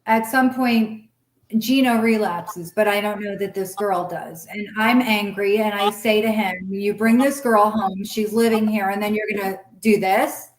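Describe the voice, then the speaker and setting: A middle-aged woman telling her own story in a blunt, candid way, swearing freely. She acts out old conversations in lively quoted voices. Her pitch sits in the middle for a woman, and the room adds a clear echo. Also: measured pace, slight background noise. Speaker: guest sharing her story. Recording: roomy echo.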